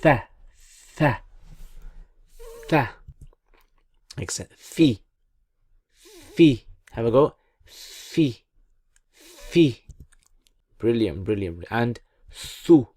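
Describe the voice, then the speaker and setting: A man teaching pronunciation in a call-and-repeat lesson, encouraging and deliberate as he repeats sounds for learners. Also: mid-range voice, lively intonation, a little mellow, husky, dry recording. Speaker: Quran reading teacher.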